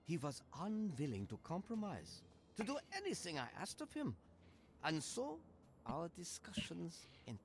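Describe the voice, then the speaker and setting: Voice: mid-range voice, wildly swooping pitch, a little slow, a little hiss or hum. An actor voicing a haughty, sinister video game villain with formal, precise, condescending speech who toys with the listener. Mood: cool, impatient. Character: creepy, haughty little girl hiding a sinister controlling old man. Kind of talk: video game character acting. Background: game music.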